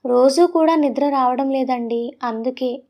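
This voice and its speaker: Brief: woman reading a hurt, timid young wife in an audio story, faltering, high voice. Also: unhurried, warm tone. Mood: sad, stubborn. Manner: hesitant, faltering replies.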